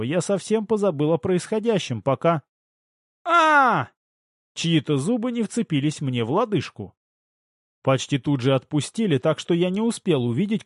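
A man reading a first-person novel aloud in a steady, even storytelling voice. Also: fairly high pitch, no room sound, clean studio sound. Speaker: audiobook narrator. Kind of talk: scripted first-person audiobook narration.

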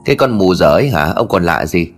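A man's voice: low voice, animated, fast talker, soft background music, pitched below the performer's own voice. A man voicing a bad-tempered, half-deaf middle-aged village chief who curses and scolds in a storybook tale. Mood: irritable. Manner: gruff, scolding, cursing.

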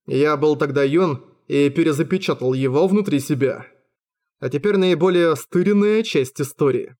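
A man narrating an amateur audiobook in the first person, with an expressive, wry, self-mocking delivery. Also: a little high, moderate pace.

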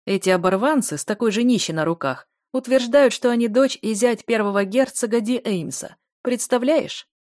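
A woman's voice: a little high, normal speed, few pauses, a little mellow, no room sound, studio quality, voice pushed up, natural voice. A woman reading the part of a mocking, arrogant male town healer in an audiobook, jeering and cackling. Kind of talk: audiobook character voice.

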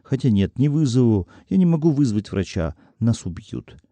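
A man's voice: mid-range voice, big pitch swings, moderate pace, dark tone, no room sound. A man voicing a frightened, nervous man who gabbles his words in a panic.

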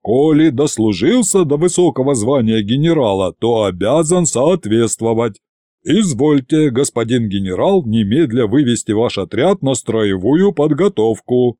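Stiff pompous officer giving orders, dark low-key tone, a man doing him. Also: lively intonation, a little slow, no echo, studio quality, lightly acted. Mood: stern. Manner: formal, pompous.

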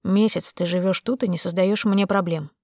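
Woman doing a domineering young man, cold, curt, flat commands, low subdued voice, dry close audiobook sound. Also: moderate pace, no echo, close to an everyday voice. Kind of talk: audiobook character voicing.

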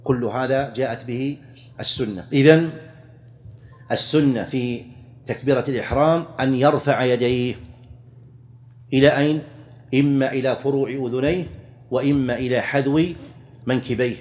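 A man teaching Islamic jurisprudence, methodically enumerating rulings and slowly drawing out the phrases he quotes. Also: mid-range voice, steady tone, a little mellow. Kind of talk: explaining a fiqh text lesson.

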